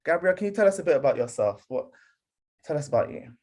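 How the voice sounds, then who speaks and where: A man's voice: fairly high pitch, lively intonation, fast talker, darkish tone. A man from the UK hosting an online panel on a video call, friendly, with frequent fillers and restarts. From United Kingdom. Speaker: panel host.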